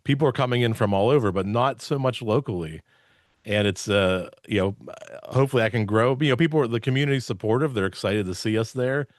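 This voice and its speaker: With punchy emphasis and casual enthusiasm, a man guesting on a podcast, himself a podcast theater owner, explains his points at a quick pace. His pitch is medium, and the close, dry video-call mic gives clean studio sound without echo.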